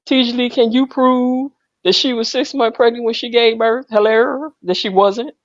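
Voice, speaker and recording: This playful co-host of a gossip show has a fairly high voice, moves at a moderate pace, and keeps her intonation fairly even while teasing with sing-song emphasis. The casual chat sounds dull and lo-fi but dry, with no room echo.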